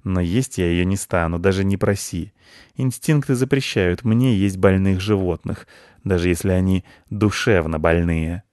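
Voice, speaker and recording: A man voicing an unhurried, deadpan male cat who speaks with mock kindness in a storybook reading. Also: low-pitched, no room sound, studio quality, close to an everyday voice. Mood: pensive. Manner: slow, mock-kindly, deadpan.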